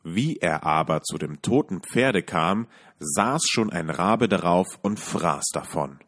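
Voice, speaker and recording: A man calmly reading a fairy tale aloud as a podcast storyteller. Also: low voice. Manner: calm, measured reading.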